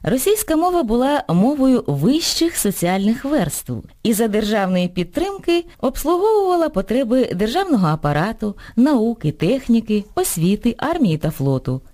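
A woman presenting a scripted educational radio programme. She reads clearly and deliberately, setting correct word forms against incorrect ones. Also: fairly high pitch, big pitch swings, warm tone, no echo, studio quality. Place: radio studio.

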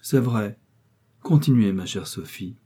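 A man reading the part of a strange rich older gentleman who questions gravely and courteously. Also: on the low side, expressive, measured pace.

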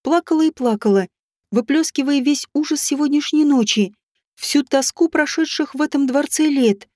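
A woman reads a fantasy audiobook aloud, her voice a little higher than most. She tells the story with expression, and the sound is close and dry with no room around it. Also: normal speed, a little mellow, no room sound. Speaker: audiobook narrator. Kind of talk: scripted narration.

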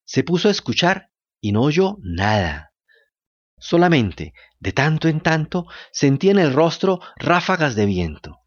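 A man narrating a children's radio story with a dramatic, expressive reading. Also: a little high, a little slow, dull audio.

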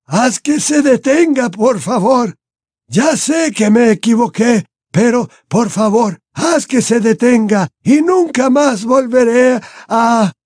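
A man's voice: very animated, warm tone, slightly rough, dry recording, clean studio sound, full character voice. Dumbledore, a man voicing a frail old wizard. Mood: terrified, begging. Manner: slow, high, wailing pleas. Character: frail elderly male wizard headmaster, pleading. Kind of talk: audiobook character voice.

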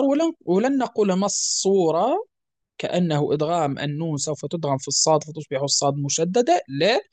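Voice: medium pitch, warm tone. A Quran recitation teacher giving a methodical, step-by-step lesson, repeating each example and drawing out the nasal sounds to show them.

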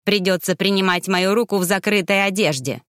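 A woman's voice: mid-range voice, a little fast, no room sound, clean studio sound, lightly acted. A woman voicing an arrogant, spiteful young boy heir with a sneering, haughty manner in an audiobook.

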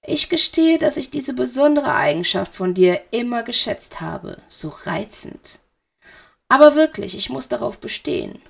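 A cold, cruelly amused male dark lord speaks in a hushed, silky drawl, as a woman reader puts him on. The voice carries a gravelly edge. It is a storybook villain. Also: a little high, sing-song, measured pace, pitched above the performer's own voice, exaggerated voice. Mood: silky menace.

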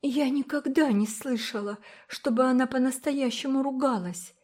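A woman voicing a timid little girl who pleads earnestly in a high, gentle voice. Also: normal speed.

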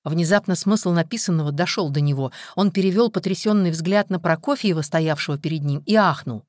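Audiobook reader, measured and dramatic, dry dead sound, mid voice. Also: mid-range voice, dry recording. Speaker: audiobook narrator. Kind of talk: scripted narration.

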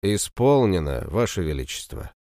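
Dutiful guard captain, curt and solemn, read by a male narrator; low audiobook voice. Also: sing-song, normal speed, dark tone, dry recording, clean studio sound. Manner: curt, solemn military speech.

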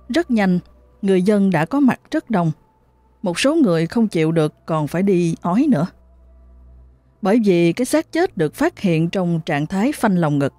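Low, mellow woman telling a ghost story. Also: dry recording. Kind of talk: horror story narration.

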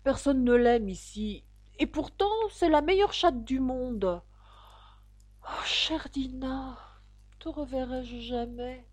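A woman voicing young Alice, an eager, earnest girl who speaks brightly and emphatically. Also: on the high side, very animated, moderate pace, voice pushed up.

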